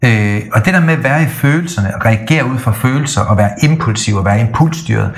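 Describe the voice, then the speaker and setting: A middle-aged man co-hosting a podcast, talking in a casual, animated way that often stumbles and restarts. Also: medium pitch. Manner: animated storytelling with frequent restarts. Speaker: podcast co-host. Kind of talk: casual chat.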